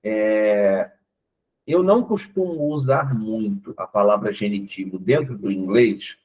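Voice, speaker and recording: A man's voice: on the low side, unhurried, husky. A man with a Brazilian Portuguese accent, an English teacher patiently explaining step by step in an online class, checking in with his students often. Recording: tinny narrowband online call audio.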